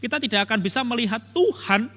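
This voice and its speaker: A man's voice: very high-pitched, expressive, quick pace, fairly bright tone, in a large hall. A man teaching a Bible study, retelling the story emphatically and repetitively and addressing his listeners directly. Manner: repetitive, emphatic retelling with many "begitu ya" tags. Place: church hall.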